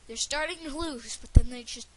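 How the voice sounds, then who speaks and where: A woman's voice: high voice, brisk, poor audio. Rambling young gamer woman, faint hiss. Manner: rambling, stumbles and restarts, filler "um" and "like". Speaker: let's play gamer. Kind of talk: casual gameplay commentary.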